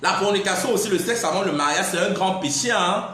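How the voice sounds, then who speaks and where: A man's voice: high-pitched, fast, a bit bright. A man speaks in a defiant live-stream monologue, pressing his points again and again. His voice rings around a very echoey room over a faint background hiss. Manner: defiant, repeatedly saying "I'm sorry" and "in fact". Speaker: livestreamer.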